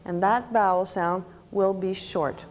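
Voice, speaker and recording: A woman's voice: medium pitch, measured pace, a little hiss or hum, poor audio. A woman presenting a conference workshop on teaching reading, explaining step by step and spelling out letters. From Canada. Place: conference session room. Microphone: microphone.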